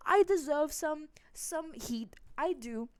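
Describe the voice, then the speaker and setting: A woman's voice: lively intonation, takes it slowly, no room sound. A young woman telling a storytime vlog casually, rambling with lots of fillers, restarts and swearing, and her voice swings up and down dramatically. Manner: dramatic swings in loudness and pitch. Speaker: vlogger.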